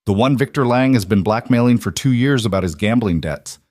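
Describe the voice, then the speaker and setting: A man's voice: mid-range voice, lively intonation, a little fast, a little mellow, no echo, studio quality, close to an everyday voice. A man reading as a cool-headed woman CEO. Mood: probing. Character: sharp, cool-headed female former CEO.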